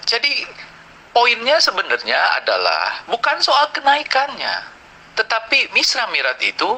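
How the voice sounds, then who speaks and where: Lively bright-voiced man lecturing. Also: a little high, low-quality recording. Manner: argumentative, lecturing. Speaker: pastor. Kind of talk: heated online debate.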